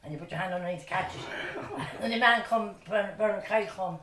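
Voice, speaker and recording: A woman's voice: mid-range voice, fairly quick, fairly bright tone. A woman, reminiscing chattily about her youth. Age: 60s. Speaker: interviewee. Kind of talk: casual reminiscing. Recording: echoey room, distant mic.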